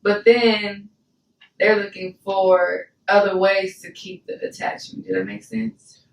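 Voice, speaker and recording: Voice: mid-range voice, flat delivery, measured pace, vocal fry. A co-host in a casual, candid chat who talks things through reflectively and checks that they are understood. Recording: echoey room, far from the mic.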